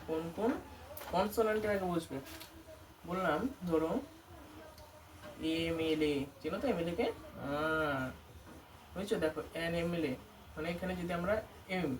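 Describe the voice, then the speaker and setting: A woman's voice: lowish voice, a little mellow. A woman English tutor teaching a grammar lesson, who keeps asking her students questions and answering them herself. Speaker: English tutor running a coaching centre. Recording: distant mic with faint background noise.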